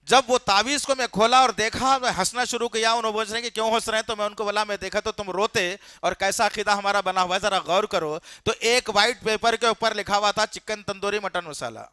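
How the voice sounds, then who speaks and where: A man preaches a sermon, telling the story with fervour and indignation and putting questions directly to his listeners. His high-pitched voice is steady in tone, pushed and bright with a clean timbre, and he leaves few pauses; the recording is dry and studio quality.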